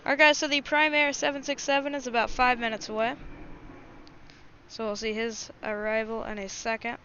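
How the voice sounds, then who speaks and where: A woman gives casual live spotting commentary in a bright, fairly high voice. She chats informally and addresses her audience directly. The recording is slightly dull, with faint noise behind her. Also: level tone, moderate pace. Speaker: livestream host.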